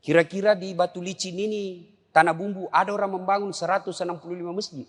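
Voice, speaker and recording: A middle-aged man with a South Sulawesi accent preaching a comic sermon, animated and joking, swinging between high and low registers. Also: fast talker. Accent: South Sulawesi (Makassar) Indonesian. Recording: long hall reverb.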